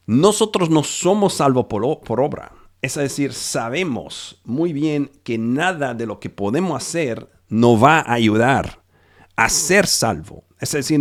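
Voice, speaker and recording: A male pastor preaches a sermon over a video call, speaking slowly and emphatically with frequent restarts. His voice is medium-pitched, and Spanish is not his native language.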